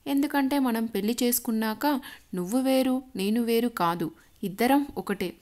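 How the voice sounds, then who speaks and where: An earnest, affectionate young man promising devotion to his fiancée, as a woman reads him. He sounds playful and warm-hearted, in a soft storybook telling, with a slightly high voice. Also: normal speed, natural voice. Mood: tender.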